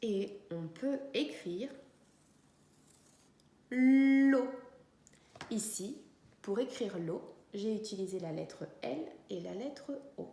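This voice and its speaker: A woman teacher giving a reading and writing lesson to young children, speaking slowly and clearly and stretching out the syllables. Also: medium pitch, animated, dark tone. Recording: echoey room.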